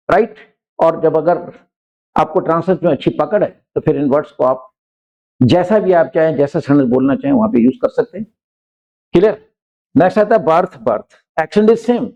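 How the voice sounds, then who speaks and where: A male English teacher with an Indian accent, explaining vocabulary patiently and repeating his words. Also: on the high side. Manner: explains patiently, repeats words and often says "theek hai". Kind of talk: classroom vocabulary lesson. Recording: dull lo-fi sound.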